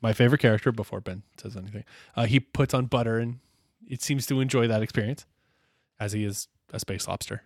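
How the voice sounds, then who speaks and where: A man's voice: medium pitch, brisk, a little mellow, no room sound, clean studio sound. A man co-hosting a podcast in casual chat, chiming in with wry quips. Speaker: podcast co-host.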